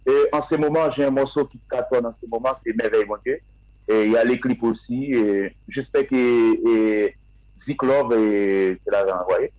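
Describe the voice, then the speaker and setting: A man being interviewed about his music, answering in a halting way with many fillers and restarts. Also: medium pitch, a little mellow, no room sound, poor audio. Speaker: guest musician.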